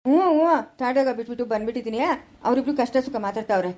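A woman's voice: fairly high pitch, racing, background noise, close to an everyday voice. A woman playing a gossipy young village woman with a rural Chikkaballapur accent, chatty and teasing in a comedy skit. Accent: Chikkaballapur rural Kannada.

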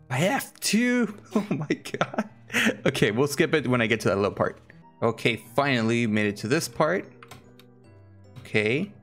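A young man giving casual, excitable commentary while playing a game, talking to himself in slangy chatter. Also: fairly low pitch. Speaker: gaming commentator.

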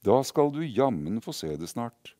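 A man voicing a patient, gently teasing older girl who looks after a little boy in a story. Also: medium pitch, big pitch swings, natural voice. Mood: kind.

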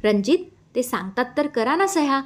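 A woman reading a story aloud, voicing a calm, firm young woman teacher who speaks steadily. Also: sits high, normal speed, voice pushed up. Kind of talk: audiobook character voice.

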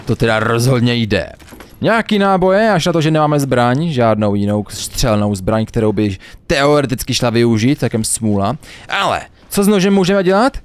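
A young man commenting on his own gameplay in a let's play, animated, swearing and laughing often. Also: medium pitch, clear, resonant tone, no room sound. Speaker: gamer, let's play host.

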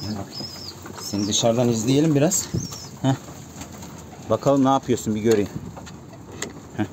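This man's mid-range voice moves at a moderate pace as he talks informally to viewers and keeps calling out to his birds at the pigeon coop. The background is noisy, full of cooing pigeons.

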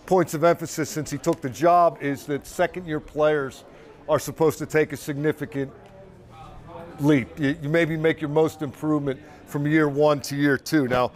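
A man in his sixties, a team reporter, chats casually on the sidelines of an outdoor practice field, talking through his analysis conversationally with occasional dry humor. His voice is fairly high, his tone steady, and his speed normal.

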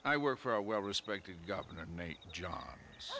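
A man playing a scheming, smooth-talking older political fixer in a western video game, pompous and theatrical. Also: deep voice, sing-song, measured pace, noisy background, full character voice.

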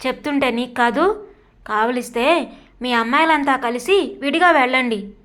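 A woman reading the part of an anxious, quick-tempered young man who sternly forbids his sister in a storybook. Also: high voice, a bit bright.

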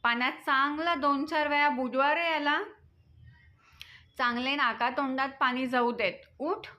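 A woman's voice: fairly high pitch, slow pace, sharp tone. A woman voicing a stern village mother who firmly scolds her son. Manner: scolding, firm.

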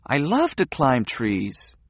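A man's voice: mid-range voice, slow, no room sound, studio quality, exaggerated voice. A man reading an audiobook, voicing a frank, playful young woman who teases and provokes. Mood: blunt. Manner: teasing, provocative, animated.

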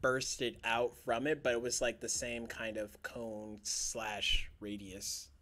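A man serves as game master for a tabletop role-playing session, narrating combat in unhurried, loose phrases. His voice is bright and forward. He takes his time over each description. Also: medium pitch. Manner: relaxed, describing the action in loose, halting phrases.

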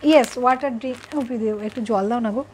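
High pitched lady doing a live sari sale, chatty, keeps saying the price over and over. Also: very fast, slight background noise. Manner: chatty, repeats prices, answers viewers directly. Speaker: boutique owner selling saris live. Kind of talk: live sales stream.

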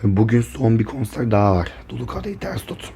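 A hoarse man chatting casually to camera in a vlog, talking softly and rambling to spare his voice. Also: medium pitch, sing-song, fast. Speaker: vlogger.

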